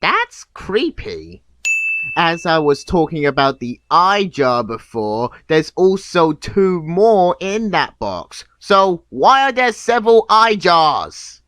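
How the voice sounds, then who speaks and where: A man giving scripted, nitpicking video commentary in a deadpan, sarcastic manner. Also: a little high, takes it slowly, hardly any pauses. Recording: clear background noise.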